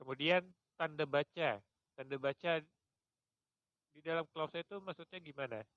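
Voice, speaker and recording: A man leading a classroom discussion as lecturer, asking probing questions and working slowly through examples. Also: fairly high pitch, fairly bright tone, no room sound, muffled recording. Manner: questioning, slow and deliberate with examples.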